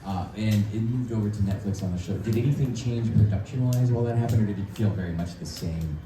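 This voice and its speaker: A man's voice: fairly low pitch, quick pace. A man moderating a convention panel, upbeat and hyping the crowd, recorded from far off in a noisy, echoey hall.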